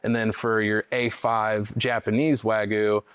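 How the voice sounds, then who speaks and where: A man's voice: on the low side, level tone, a little slow, fairly bright tone, clear, resonant tone, dry recording. A young man from St. Louis, an executive chef talking casually and enthusiastically as a podcast guest. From St. Louis, United States. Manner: laid-back, slangy, enthusiastic.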